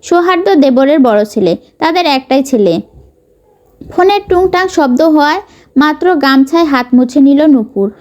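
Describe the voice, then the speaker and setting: A woman narrating a romance novel in a steady, expressive reading. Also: high voice, normal speed. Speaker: storyteller.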